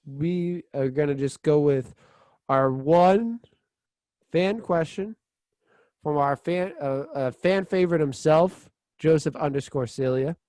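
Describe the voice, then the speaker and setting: A man co-hosting a casual sports podcast, excitable, rambling and full of "like" and restarts. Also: fairly high pitch, slow pace, no echo. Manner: excitable, laughs easily. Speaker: podcast co-host.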